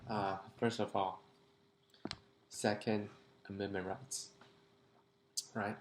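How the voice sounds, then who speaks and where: A man's voice: fairly low pitch, reverberant, slight background noise. A man sharing casual opinions in a conversational way, often checking in with the listener. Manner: conversational, tags lines with "right?".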